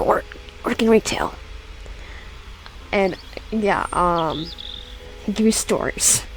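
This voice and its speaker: Over a little hiss or hum and poor audio, a young adult gaming YouTuber with a high, slightly mellow voice reads a horror visual novel. Her reading is halting and full of restarts, and she turns to chat with her viewers.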